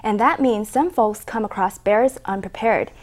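A woman's voice: mid-range voice, normal speed, a little mellow. A woman presenter reading scripted news narration.

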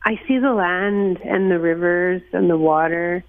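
A woman's voice: fairly low pitch, a little slow. A woman from northern Manitoba, interviewed by phone, speaking earnestly and reflectively with many fillers. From northern Manitoba, Canada. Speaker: interview guest, executive director of a watershed alliance. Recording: tinny phone line.

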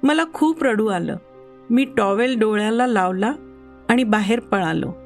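A woman narrating a children's story in the first person as a young boy, with an expressive, childlike manner. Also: on the high side, unhurried, soft background music.

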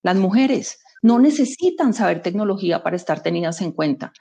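A woman's voice: medium pitch, expressive, fairly quick, vocal fry, mellow, slightly rough. A woman, an executive guest speaking emphatically in a conversational interview, making her points with anecdotes and rhetorical questions.

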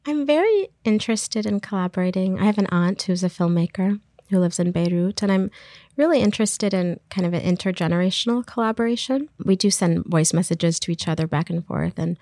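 A woman's voice: mid-range voice, fairly quick, mellow, dry recording, studio quality. A woman filmmaker talking thoughtfully in an interview, searching for her words as she reflects on her work. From Iraq. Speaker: filmmaker guest.

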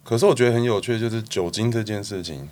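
A man's voice: lowish voice, quick pace, a little hiss or hum. A man, a bar founder, casually telling stories in an interview and acting out the people in them. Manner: animated storyteller, acts out customers' lines.

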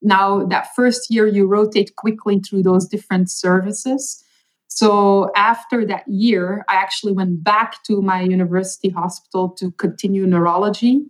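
Over poor audio, the Belgian chief medical officer speaks at a normal speed in a medium-pitched, steady voice. The middle-aged native Dutch speaker with a Flemish accent is a podcast interview guest, recounting her story earnestly and thoughtfully with small fillers.

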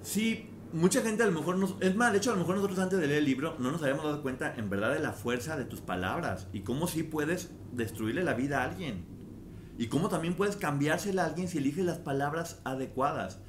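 A man's voice: fairly high pitch, brisk, a little hiss or hum. A man hosting a casual book discussion, explaining ideas earnestly through everyday examples. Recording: roomy echo with faint ambience.

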